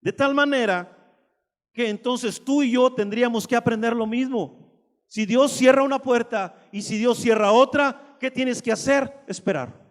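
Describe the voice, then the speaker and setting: Man, preacher, very high voice, emphatic sermon, long church reverb. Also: unhurried. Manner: emphatic, addresses listeners directly with rhetorical questions.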